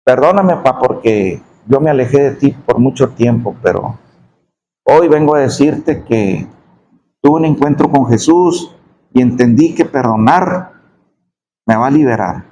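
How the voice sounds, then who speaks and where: A middle-aged man telling a testimony in a sermon, his voice dropping low and slow on painful memories. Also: expressive, mellow, muffled recording, slight background noise. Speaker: preacher giving testimony.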